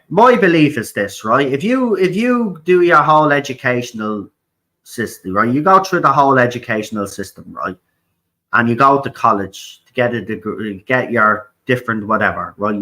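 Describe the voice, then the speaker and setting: A lowish, sharp-toned voice belongs to an Irish man hosting a talk show on political topics. He gives his opinions bluntly, repeats words, curses and tacks "right?" onto his points again and again.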